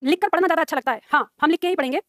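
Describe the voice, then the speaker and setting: A woman's voice: high voice, very fast, a bit bright, no echo, studio quality. A woman teaching Hindi, chatting to her class and online students with frequent laughs. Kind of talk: live classroom lesson chat.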